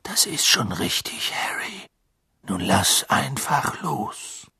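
Picture a man voicing a kind old headmaster who speaks softly and slowly to calm someone. His voice drops to a gentle, breathy hush. He sounds like a storybook reading. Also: sits high, dry recording, whispered, clean studio sound, pitched above the performer's own voice, full character voice. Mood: soothing. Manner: soft, hushed, soothing.

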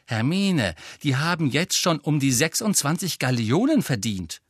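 A man voicing an excitable teenage boy wizard who sounds tense and easily let down, in a German audiobook. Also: a little high, unhurried, no room sound, studio quality, pitched above the performer's own voice.

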